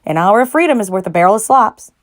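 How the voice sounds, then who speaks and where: A woman voicing a bossy, excitable goose from a storybook, calling out urgent, repeated orders. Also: mid-range voice, quick pace, natural voice. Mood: pleading. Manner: urgent, exclamatory, repeats each command.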